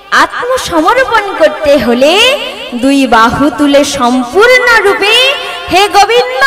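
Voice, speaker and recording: High-voiced Bengali woman preaching with music. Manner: coaxing the audience, rhythmic sing-song delivery. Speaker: kirtan singer and preacher. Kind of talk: devotional sermon with call-and-response chanting. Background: live devotional music.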